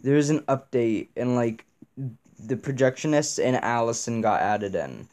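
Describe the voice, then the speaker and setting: A man's voice: medium pitch, lively intonation, moderate pace, darkish tone. A young man playing a horror game, reacting nervously and swearing as he talks through it. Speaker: gamer.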